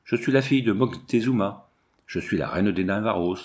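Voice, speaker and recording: A man's voice: on the low side, expressive, moderate pace. A man voicing a proud, defiant young woman who speaks in a haughty, commanding way.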